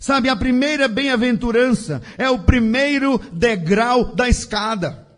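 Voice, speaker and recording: A man preaching a sermon in a slow, emphatic style with a sing-song cadence. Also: very high voice.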